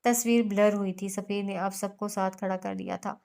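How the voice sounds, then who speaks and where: Smooth, even-toned woman narrator. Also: medium pitch, moderate pace. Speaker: audiobook narrator. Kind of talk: novel narration.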